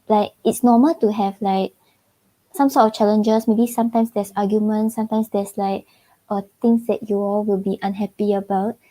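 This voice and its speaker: A woman from Singapore reads tarot casually on a livestream, speaking Singaporean English in a mellow, slightly high voice. Her talk is loose and chatty, packed with "like" and frequent giggles.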